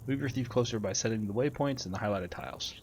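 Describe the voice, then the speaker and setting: Commenting casually on a gameplay video he hosts, a man reads tutorial text aloud. His voice is fairly low and he talks fast, with faint background noise and game ambience in the recording.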